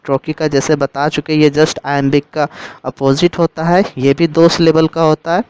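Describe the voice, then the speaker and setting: Man explaining a lesson, clear crisp voice. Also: a little high, normal speed, rough recording. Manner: steady explanatory, repeats and rephrases terms. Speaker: literature teacher. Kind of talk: explaining a lesson in Hindi with English terms.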